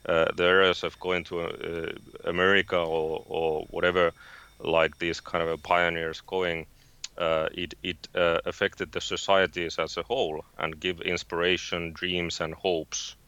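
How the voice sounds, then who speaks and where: Deep, smooth Finnish-accented man. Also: flat delivery, sharp tone, no echo. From Finland. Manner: halting, many fillers and restarts. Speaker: guest, space company founder. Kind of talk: interview conversation.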